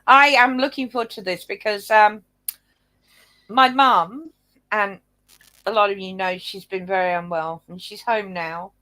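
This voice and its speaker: A woman's voice: mid-range voice, measured pace, sharp tone, low-quality recording. A woman co-hosting in a casual, rambling, chatty way. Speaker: co-host. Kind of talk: casual chat.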